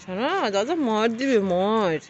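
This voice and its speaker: A woman's voice: medium pitch, normal speed, highs cut off, slight background noise. Woman teasing her dog on a rooftop. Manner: coaxing, teasing sing-song voice toward the dog. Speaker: pet vlogger. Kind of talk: casual vlog talking to her dog and viewers. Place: rooftop outdoors.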